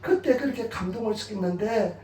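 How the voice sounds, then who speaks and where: A middle-aged man preaches in a church, recounting his own stories with animated energy and an occasional chuckle. His voice sits high for a man. The sound carries the echo of a church hall, picked up from a distance. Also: brisk, slight background noise. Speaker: pastor. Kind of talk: sermon with personal testimony. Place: church sanctuary.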